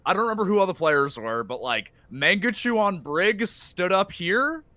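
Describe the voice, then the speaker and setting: A man who coaches esports, chatting on a live podcast, animated and casually swearing, trailing off quietly at times. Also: sits high, normal speed, dry recording.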